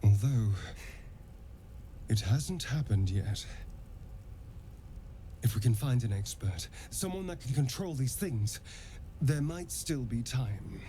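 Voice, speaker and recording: A man voicing a sly, charming vampire elf in a video game, silky, mocking and theatrical with soft laughs. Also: medium pitch, lively intonation, slow, long pauses, slight background noise.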